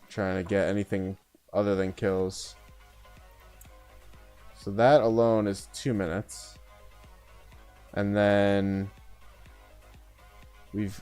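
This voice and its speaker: A man's voice: sits low, darkish tone, clean tone. A man giving casual live commentary as he streams a game, thinking aloud and often tagging on "uh" and "right?".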